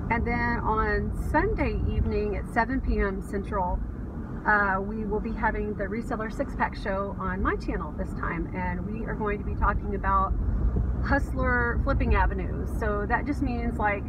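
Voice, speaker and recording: A woman's voice: mid-range voice, far from the mic, background noise. A middle-aged woman chatting casually to her phone camera from a parked car, rambling with lots of fillers. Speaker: reseller vlogger. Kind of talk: casual vlog chat. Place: parked car, then home living room. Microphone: phone camera at arm's length.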